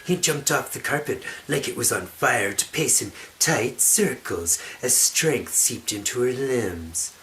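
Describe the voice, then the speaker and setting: A man delivers dramatic narration of a fantasy novel like a stage performance. His reading is hammy and theatrical, at a very unhurried pace. Music runs underneath. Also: medium pitch, animated, sharp tone, slight background noise. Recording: music behind the voice.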